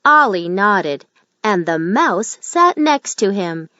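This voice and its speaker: A woman reads a children's picture book aloud as a storybook reader, gentle and unhurried, her pitch swinging widely and expressively through each line. The recording is dry and slightly dull, with no room sound.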